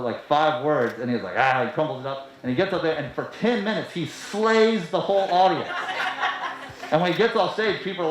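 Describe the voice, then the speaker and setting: A man giving an informal, rambling best man speech at a wedding reception, telling anecdotes in a conversational way. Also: on the high side. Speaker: wedding toast speaker from the groom's family. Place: large reverberant room at a wedding reception. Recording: very echoey hall, faint noise.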